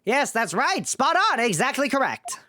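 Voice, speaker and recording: A man voicing an excitable, self-important scientist professor from a video game, fussy and quick to get flustered. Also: very high voice, slight background noise, pitched above the performer's own voice, heavily acted. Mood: eager. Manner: pompous, fussy, stammering when flustered. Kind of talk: video game dialogue read aloud.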